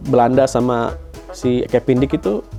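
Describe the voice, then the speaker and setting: A man co-hosting a casual podcast chat, talkative and quick to laugh. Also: mid-range voice, vocal fry, dark tone, faint music behind. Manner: chatty, laughs often, uses slang. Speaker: podcast co-host.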